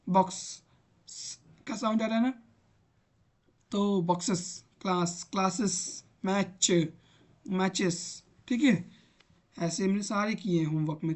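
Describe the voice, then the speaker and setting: Slow, patient male grammar teacher. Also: sits high. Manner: patient, repeats examples aloud; talks while typing on screen. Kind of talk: online grammar lesson.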